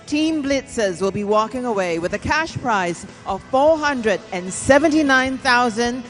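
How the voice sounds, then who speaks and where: Arena announcer calling out the champs, big drawn-out delivery, faint music under it. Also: mid-range voice, animated, a bit bright. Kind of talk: formal ceremony announcement. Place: indoor arena.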